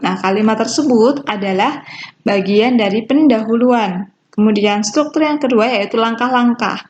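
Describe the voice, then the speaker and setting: High-voiced woman teacher, slow and deliberate. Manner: slow, deliberate, spelling out examples with fillers. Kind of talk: recorded lesson explaining procedure texts. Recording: dull lo-fi recording with faint hiss.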